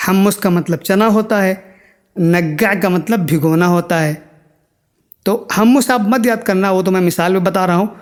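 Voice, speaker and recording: A man teaching Arabic words in a language lesson, saying each one slowly and repeating it. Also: sits high. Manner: drills words by slow repetition.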